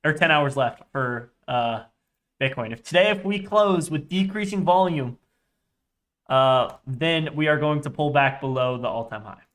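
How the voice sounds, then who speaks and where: A young man with a slightly high voice narrates his live trading screen. He talks casually and restlessly, half to himself, and swears freely as he jumps from one thing to the next. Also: unhurried, a bit bright. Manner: restless, sweary, muttering to himself as he scans charts. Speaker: day trader livestreamer.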